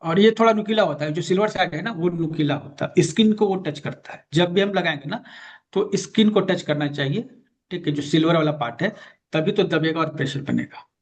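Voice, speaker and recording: A man's voice: a little high, brisk. A man teaching an online class on magnet therapy, patiently repeating key terms and directing a student. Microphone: video call. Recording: dull lo-fi call audio.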